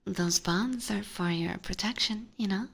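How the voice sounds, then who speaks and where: In an ASMR roleplay, a woman plays a haughty, teasing, predatory vampire, whispering breathily close to a binaural microphone with formal, condescending diction, sounding amused and condescending. Her mid-range voice is husky with vocal fry, a bit bright and heavily acted, at a measured pace.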